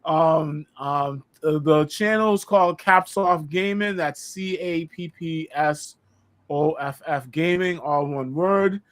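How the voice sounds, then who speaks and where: Man, pseudo New York accent, slightly high voice, rambling, filler-heavy, casual podcast guest. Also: slow pace. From Boston, Massachusetts. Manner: laid-back, rambling, lots of fillers. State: recovering from dental surgery. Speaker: guest content creator.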